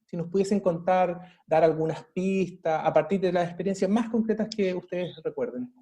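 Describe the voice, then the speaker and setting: A man asking a long, measured interview question, with a few hesitations along the way. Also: sits high, dark tone.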